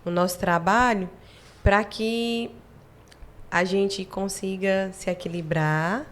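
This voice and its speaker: A woman's voice: medium pitch, fairly even intonation, slow pace, slight background noise. Earnest woman co-host. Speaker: co-interviewer. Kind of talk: casual interview chat.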